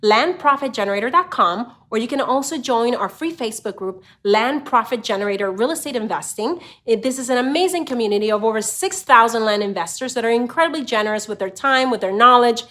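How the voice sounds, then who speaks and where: A middle-aged woman from Honduras speaks in a slightly high voice. She talks to camera in an easy, conversational way, often filling pauses with "you know." She sounds like a channel host telling her own story. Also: expressive, a bit bright. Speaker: real estate investor and channel host. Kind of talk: casual direct-to-camera talk.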